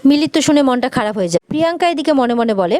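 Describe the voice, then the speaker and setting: A woman quickly retelling a TV serial episode and reading out each character's lines as she goes. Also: high voice, lively intonation, darkish tone, dry recording. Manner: rapid narration that voices each character's lines in turn. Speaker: serial recap narrator. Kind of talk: fast retelling of a TV serial episode with quoted dialogue.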